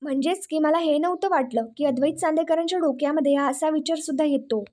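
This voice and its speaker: A woman voicing a sharp-tongued young woman who mocks and needles her companion. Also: high voice, fast, lightly acted. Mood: mocking. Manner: mocking, needling.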